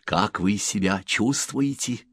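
A man voicing a small, gentle male alien messenger who speaks in a soft whisper, from an audiobook. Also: fairly low pitch, takes it slowly, husky, no room sound, full character voice. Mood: whispered, kindly.

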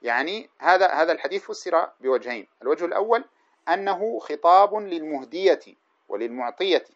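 Male religious teacher, quick explanatory lecturing, self-correcting; dull lo-fi recording. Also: a little high, lively intonation. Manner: explanatory, pauses and corrects himself mid-sentence. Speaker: Islamic scholar teaching hadith.

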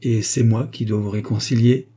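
A gentle, patient old village priest, as a man reading aloud puts him on in a storybook, speaking low and quietly. His voice is dark and slightly husky. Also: steady tone, moderate pace.

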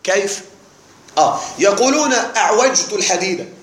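A man's voice: high-pitched, lively intonation, normal speed, fairly bright tone, roomy sound. A man teaching an Arabic grammar lesson to a live class, explaining patiently, repeating key words and checking that the students are following.

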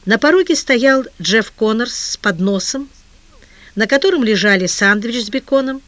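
A narrator reading a novel aloud in a steady, even way. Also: medium pitch, no room sound. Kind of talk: audiobook narration.

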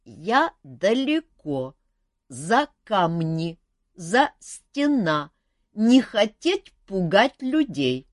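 A woman voicing a hoarse, cheerful male phantom who stumbles over broken words. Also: medium pitch, big pitch swings, no room sound, studio quality, voice pushed up. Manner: halting, broken grammar.

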